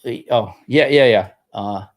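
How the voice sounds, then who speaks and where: A man's voice: lowish voice, unhurried. A man hosting a casual live demo, rambling, repeating words and laughing easily. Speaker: host demoing a game tool.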